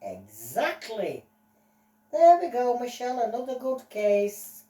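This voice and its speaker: Woman playing a stern, slow-talking judge. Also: a little high, huge pitch swings, warm tone, far from the mic, full character voice. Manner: slow, lecturing, drawn out. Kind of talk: playful toy play storytelling. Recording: roomy echo, voice off-mic.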